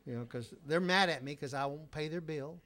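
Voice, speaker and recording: A man's voice: on the high side, a little fast, a bit bright. A man preaching a sermon as a pastor, telling stories in a conversational way with sarcastic humor.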